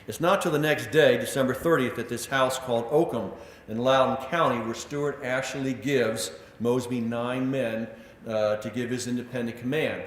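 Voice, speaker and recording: A man giving a public history lecture, telling stories with animated delivery and acting out quotes, with frequent filler words. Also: mid-range voice, normal speed. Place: lecture room. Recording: echoey lecture hall.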